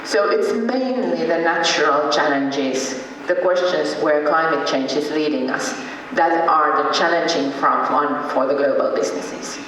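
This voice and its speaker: A man from Finland speaks at a conference, halting and filling pauses as he goes. His voice carries from a distance across a big hall. The room has a long, heavy echo. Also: on the high side, fairly bright tone, a little hiss or hum. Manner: hesitant, many ums and uhs. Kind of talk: conference presentation. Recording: echoey hall, from far off.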